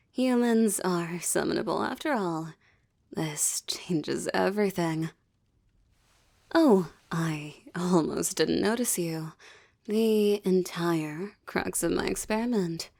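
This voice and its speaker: In an intimate roleplay drama, a woman plays a seductive demoness gloating over her captive, sounding delighted. Her voice is dark, mellow and fairly low, with a gravelly creak, and she speaks slowly. The performance is heavily acted, her haughty, teasing lines often dropping into breathy whispers.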